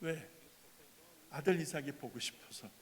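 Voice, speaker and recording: A man preaching a sermon as pastor, dramatic, swinging between loud bursts and hushed tender lines. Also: fairly high pitch, animated, a little slow. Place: church sanctuary. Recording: long hall reverb.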